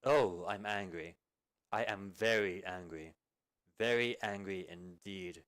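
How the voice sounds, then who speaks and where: A man voicing a strict female deputy commander who speaks with slow, clipped, menacing calm. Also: on the low side. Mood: stern. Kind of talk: amateur video game fan dub.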